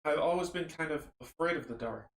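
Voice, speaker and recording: A man voicing a frightened woman who whispers and whimpers in the dark. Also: fairly high pitch, fairly quick, gravelly, far from the mic, a little hiss or hum, voice pushed up. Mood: scared. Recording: roomy echo.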